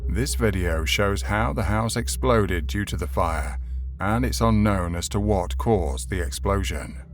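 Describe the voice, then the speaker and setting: A man's voice: lowish voice, a little slow, noisy background. A man reading scripted narration for a compilation of video clips. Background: background music.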